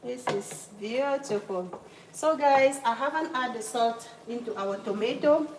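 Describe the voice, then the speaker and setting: She's a woman from Cameroon running a relaxed cooking livestream in her home kitchen, chatty and apologetic as she handles several things and greets viewers by name. Her fairly high voice moves at a measured pace, with noise audible in the background.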